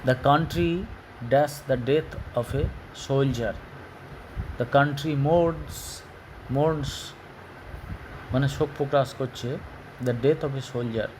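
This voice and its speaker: A male teacher with a Bengali accent walks through an English vocabulary lesson at an unhurried, careful pace. His voice sits at a mid pitch, and he breaks words into syllables as he goes. A faint hum runs under the recording. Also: a little mellow, poor audio. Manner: slow, deliberate, spells out words and syllables.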